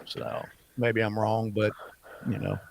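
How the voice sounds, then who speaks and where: A man's voice: lowish voice, level tone, slow, vocal fry. A man hosting a casual podcast chat, rambling and dropping plenty of "you know" fillers. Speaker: podcast host.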